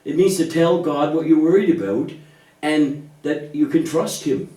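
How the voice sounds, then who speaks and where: Speaking at a measured pace in a fairly high, mellow voice, a man plays the adult partner in a church puppet show. His gentle scripted dialogue teaches children about faith in a patient, reassuring, explanatory way, picked up by a distant mic in an echoey room.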